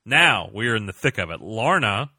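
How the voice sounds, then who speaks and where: Low, bright-voiced man recapping an episode. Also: breathy edge, no echo. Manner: animated, joking, retells scenes in quick asides. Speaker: podcast host recapping a TV episode. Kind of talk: casual recap chat.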